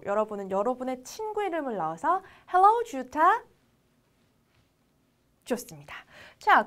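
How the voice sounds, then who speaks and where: Lively high-voiced woman teaching English. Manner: reads English phrases very slowly for repeating; explains in Korean, then models English lines. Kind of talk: recorded English lesson for Korean learners.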